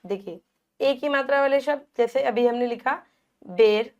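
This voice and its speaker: A woman's voice: high voice, moderate pace, dull audio. A woman teacher giving a Hindi phonics lesson to young children, repeating words and stretching the vowel sounds, asking questions and answering them herself.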